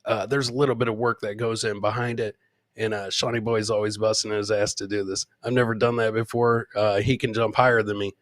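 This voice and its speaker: A man hosts a podcast in a low-ish, level voice, speaking fairly quickly over clean studio sound with no room noise. It's a relaxed live comedy chat full of swearing and filler, built around reading and replying to viewer comments.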